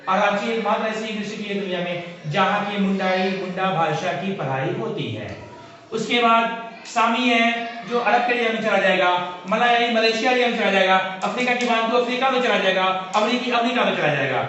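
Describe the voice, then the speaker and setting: A man lectures students in a slow, explanatory way, his voice set high for a man. He sounds far from the mic in a very echoey room. The recording is dull and lo-fi, with a faint hiss. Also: fairly bright tone. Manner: measured, explanatory, addresses students directly. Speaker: teacher. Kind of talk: classroom lecture to camera.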